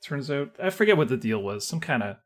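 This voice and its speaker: A man's voice: mid-range voice, big pitch swings, brisk. A man co-hosting a casual podcast, wry and easygoing, laughing along with his partner. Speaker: podcast co-host.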